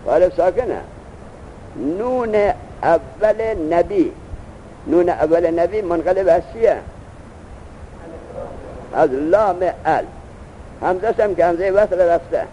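A man's voice: sits high, pauses often, warm tone, slight background noise. Man teaching an Arabic grammar lesson. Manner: explains patiently, reciting Arabic text then glossing it. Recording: dull lo-fi recording.

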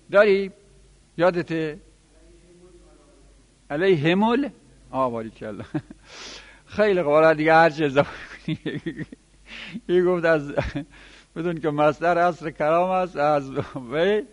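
A man with a fairly high voice teaches grammar in a lecture room. He explains and enumerates word forms, lifting his pitch to stress each one. The sound carries a long reverb from the hall. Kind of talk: classroom lecture.

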